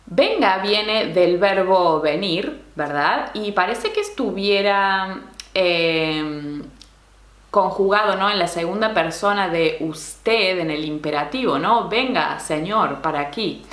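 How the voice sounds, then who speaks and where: A woman's expressive, mid-range voice carries through a roomy-sounding space as she teaches Spanish slang. Her explanations are slow and patient, punctuated by frequent little questions like "¿sí?" and "¿no?".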